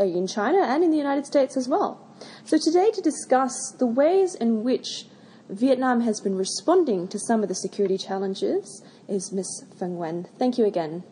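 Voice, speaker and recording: A woman hosting a podcast, asking prepared interview questions in a measured, formal way with occasional ums. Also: fairly high pitch, lively intonation, dark tone, a little hiss or hum. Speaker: podcast host.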